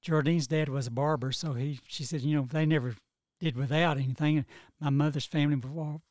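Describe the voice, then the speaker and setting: A man's voice: a little high, steady tone, brisk, darkish tone, no room sound. Older man telling folksy memories. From Texas. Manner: folksy storyteller, many "you know"s and restarts. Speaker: guest, local historian. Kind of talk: casual chat, reminiscing.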